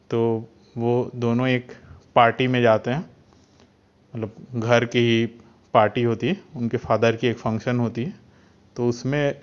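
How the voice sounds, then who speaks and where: Guy recapping a movie plot, kinda halting, smooth voice, sound's a bit dull. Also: mid-range voice. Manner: unhurried, halting retelling. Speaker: film channel host. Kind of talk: casual film plot retelling. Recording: dull lo-fi recording.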